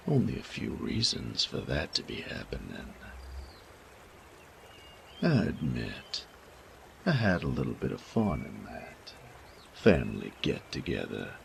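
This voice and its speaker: In an audio roleplay drama, a male actor plays a sadistic bandit in a full character voice that's gravelly, creaky, and at the very bottom of his range, yet fairly bright in tone. Very animated, he drawls slowly in coarse slang, by turns teasing, seductive, and menacing. Noticeable ambient noise sits behind him.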